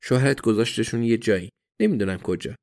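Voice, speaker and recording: A man's voice: fairly low pitch, a little mellow, no echo, studio quality, natural voice. A man voicing an earnest, plain-spoken Eastern European man in an audiobook, speaking in a direct way.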